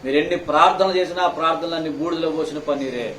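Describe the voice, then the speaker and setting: Fast, scolding male preacher in an echoey hall. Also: recorded from a distance. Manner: scolding, firing rhetorical questions at listeners; swings between loud outbursts and hushed low phrases. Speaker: pastor. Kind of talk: sermon. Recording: echoey hall, faint room noise.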